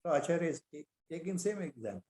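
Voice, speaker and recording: A man's voice: a little high, animated, fast talker, darkish tone. A man with an Indian accent gives a spiritual discourse, reciting Sanskrit verses and asking repeated rhetorical questions. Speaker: spiritual teacher.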